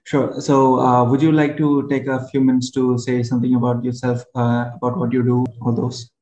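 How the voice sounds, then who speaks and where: A man's voice: mid-range voice, monotone, normal speed, darkish tone, dull audio. A man hosting a podcast, asking friendly, slightly hesitant questions with fillers. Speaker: podcast host. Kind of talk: casual interview hosting. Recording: roomy echo with faint music.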